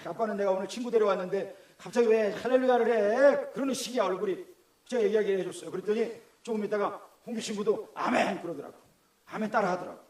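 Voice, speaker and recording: High-voiced Gyeongsang pastor, echoey hall. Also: male voice, fast, a little mellow. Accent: Gyeongsang Korean. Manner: conversational, asks the congregation questions. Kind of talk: sermon. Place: church hall. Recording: echoey church room.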